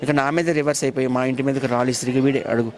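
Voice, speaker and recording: A man, talking quickly and insistently about a grievance in an interview. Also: medium pitch, steady tone. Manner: aggrieved, rapid and insistent. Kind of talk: casual interview talk.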